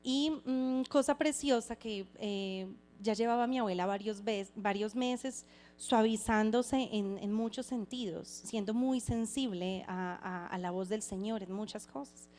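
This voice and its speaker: A woman's voice: mid-range voice, a little mellow. Earnest woman sharing a faith testimony. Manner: reflective and halting, with frequent restarts; earnest and heartfelt. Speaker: person giving a testimony.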